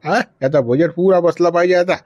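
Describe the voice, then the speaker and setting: A man's voice: sits high, brisk, a little mellow, dull audio. A man with a Varhadi Marathi accent, fretting and muttering asides in a village comedy sketch.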